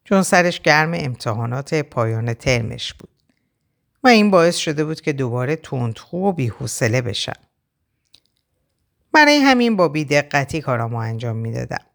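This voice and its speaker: A woman narrating a novel aloud in the first person, with expressive storytelling. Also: extremely low pitch, creaky. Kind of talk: audiobook reading of a novel.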